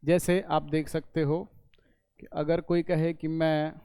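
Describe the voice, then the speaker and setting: A man teaches an English lesson in a slightly high, mellow voice. His tone is smooth and resonant, recorded close in a dry room. He goes step by step, repeating points and answering his own questions. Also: flat delivery, slow, dry recording. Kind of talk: classroom lesson explaining in Hindi.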